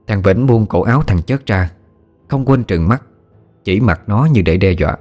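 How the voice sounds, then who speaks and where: A man narrating a ghost story in a steady, plain way. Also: fairly low pitch, normal speed, faint music behind.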